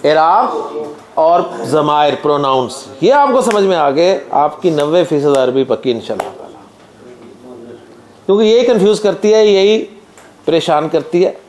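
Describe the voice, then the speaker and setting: A man's voice: fairly high pitch, animated, unhurried, a little mellow. A man teaching Arabic grammar in a classroom, chanting word lists in a sing-song drill and explaining to his students.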